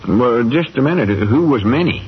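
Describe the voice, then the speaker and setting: An actor playing a folksy, easygoing small-town storekeeper with a rural Southern accent in an old radio comedy. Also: male voice, medium pitch, expressive, normal speed, slightly rough. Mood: matter-of-fact. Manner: homespun country talk. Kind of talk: 1940s radio comedy-drama acting. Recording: dull, noisy old radio recording.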